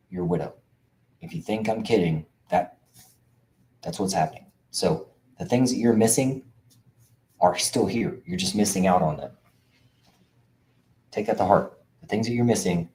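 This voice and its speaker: A man's voice: low voice, dark tone. A middle-aged man hosting a show for veterans, talking casually to camera in an emphatic, preachy way, repeating himself with lots of uhs. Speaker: veterans' benefits coach and show host. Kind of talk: casual direct-to-camera monologue.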